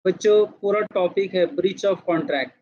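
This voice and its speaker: High-voiced man teaching a class. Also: slow pace, dull audio. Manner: mixes Hindi and English, keeps asking the class questions. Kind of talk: classroom lecture.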